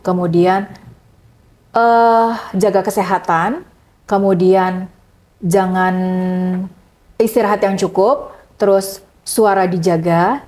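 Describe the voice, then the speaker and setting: A woman's voice: medium pitch, fairly even intonation, slow, pauses often, darkish tone. A woman, a guest in a casual interview chatting with many fillers and sharing hosting tips. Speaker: guest, MC and broadcaster.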